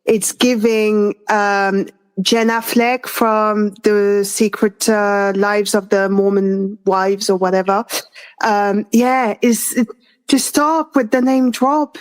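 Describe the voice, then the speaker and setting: A woman from France in her thirties co-hosts a casual chat. She talks slowly and unhurriedly, pausing often and restarting her thoughts, with plenty of fillers along the way. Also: medium pitch, steady tone, clean tone. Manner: hesitant, many fillers and restarts. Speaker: podcast co-host.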